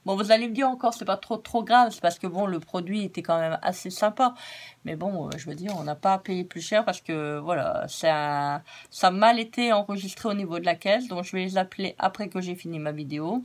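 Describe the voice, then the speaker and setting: A woman with a hoarse voice chatting casually through a craft-supply haul, repeating words for emphasis as she shows each item. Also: lowish voice, fairly quick. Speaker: craft vlogger.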